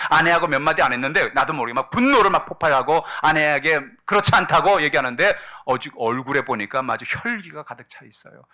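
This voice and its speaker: A middle-aged man preaching a Sunday sermon as pastor, acting out quoted spouses and parents and swinging from hushed to loud. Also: medium pitch.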